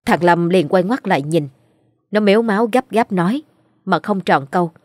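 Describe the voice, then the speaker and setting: A woman's voice: medium pitch, expressive, normal speed, a little mellow, no echo, clean studio sound. A woman narrating a ghost story in a scripted storytelling style.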